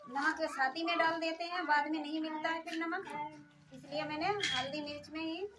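A cooking vlogger with a high, fairly even, brisk voice casually narrates each step as she cooks in a small village kitchen. The audio is distant phone recording with sizzling in the background.

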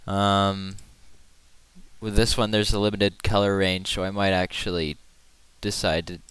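Low, bright-voiced man narrating his drawing. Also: flat delivery, measured pace, clear, resonant tone, dry recording. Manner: rambling and self-deprecating, hums to himself while working. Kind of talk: casual screen-recorded drawing commentary.

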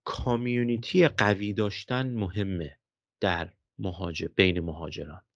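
Lower-voiced man explaining psychology, lo-fi. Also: fairly even intonation. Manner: explains with examples, self-corrects. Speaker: social psychologist guest. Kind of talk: explanatory interview talk.

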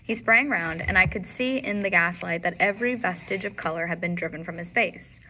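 A woman's voice: brisk, pushed and bright, a little hiss or hum, poor audio. A woman reading a classic detective story aloud as a narrator. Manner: reads all the characters herself, shifting pitch for each. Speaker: audiobook narrator.

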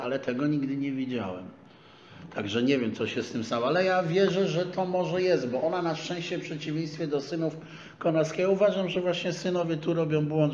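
A man in his sixties giving a measured, scholarly lecture in a small room, caught by a distant camera. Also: medium pitch, a little mellow. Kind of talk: academic lecture. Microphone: far camera. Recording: echoey room, dull sound, faint hiss.

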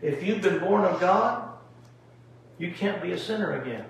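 Guy pastor teaching at home, high gravelly voice, mic far off in a very echoey room. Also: expressive, moderate pace, slight background noise. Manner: emphatic, rhetorical questions. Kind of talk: Bible study teaching.

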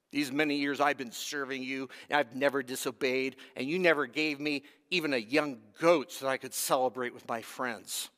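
A man's voice: mid-range voice, fairly even intonation, normal speed, fairly bright tone, lightly acted. A man preaching who voices a resentful grown son complaining indignantly to his father. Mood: aggrieved. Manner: aggrieved and indignant. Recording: long hall reverb.

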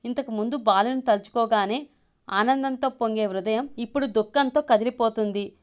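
Smooth-voiced woman reading a story. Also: fairly high pitch. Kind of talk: reading a Telugu audio story aloud.

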